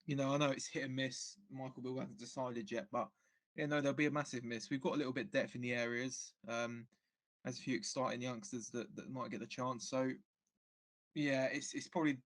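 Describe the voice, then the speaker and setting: A man's voice: medium pitch, a bit bright. A man guesting on a football podcast as a fan, speaking in casual chat with frequent restarts. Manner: hesitant, many restarts and fillers.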